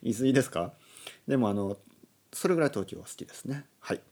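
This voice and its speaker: Lively-voiced man explaining slowly. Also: mid-range voice. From Oita, Japan. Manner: slow, explanatory, glosses words in English. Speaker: podcast host. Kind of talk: casual monologue for Japanese learners. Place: indoors at a table.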